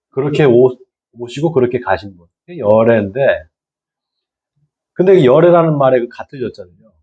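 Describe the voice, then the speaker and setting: Middle-aged male pastor for a church lecture, mellow husky voice, keeps checking in with the room and repeating key terms, dull lo-fi sound. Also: medium pitch. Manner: asks the audience and repeats key words. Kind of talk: church lecture to lay people.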